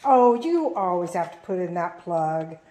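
A woman's voice: fairly low pitch, sing-song, measured pace. A woman filming from behind the camera, teasing the host in casual banter. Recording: roomy and noisy.

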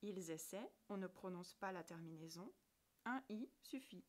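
A woman's voice: lowish voice, expressive, moderate pace. A woman teacher narrating a scripted grammar lesson, articulating each word carefully and spelling out letters one by one. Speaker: French language teacher.

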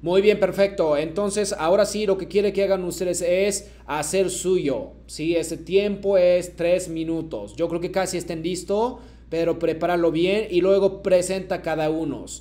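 A man teaching a Japanese class over a video call, patiently modeling each phrase slowly for students to repeat. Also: high-pitched, fairly even intonation, mellow. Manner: patient, slow careful modeling of phrases for repetition. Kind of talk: online language lesson.

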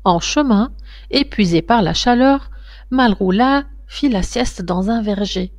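Slow, expressive woman reading a tale. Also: mid-range voice, dry recording. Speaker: storyteller reading a children's tale. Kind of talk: reading a children's tale aloud.

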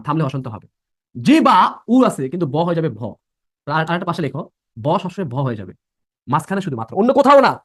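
A young male teacher runs a live online class, restating each rule and firing questions at his students. His voice sits a bit high and swings widely in pitch as he rushes along. The sound is dry and close. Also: no echo. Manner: repeats points and quizzes students by asking questions. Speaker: admission-prep teacher.

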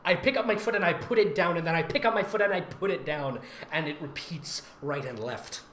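Reading fan fiction aloud for laughs, this voice-actor host piles on sarcastic, giggly, theatrical mockery. The delivery is brisk, in a mid-range voice with a slightly bright edge. There's a roomy echo on the recording, plus faint background noise.

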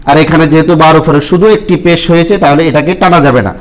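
Male Quran teacher, slightly high voice; patient lesson delivery, drills syllables slowly and repeats them. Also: steady tone, faint music behind, low-quality recording. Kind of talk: step-by-step lesson with spoken examples.

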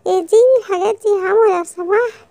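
A woman's voice: fast, dark tone, dry recording. A woman voicing a greedy little boy monkey with an Egyptian Arabic accent, whiny and childish in a children's storybook. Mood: pleading. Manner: whiny, wailing, squeaky childish voice.

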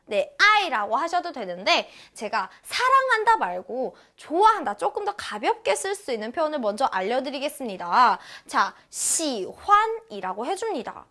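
A woman's voice: high voice, big pitch swings, unhurried, hardly any pauses, sharp tone. A young woman teaching a Chinese lesson in a bubbly, playful way, acting out short dialogue snippets. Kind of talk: lively online language lesson.

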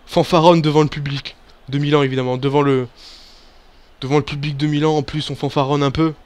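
A man giving casual, excitable commentary over a football video game, swearing and cheering at his players. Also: fairly high pitch, fairly quick. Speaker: gaming YouTuber. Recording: faint background music.

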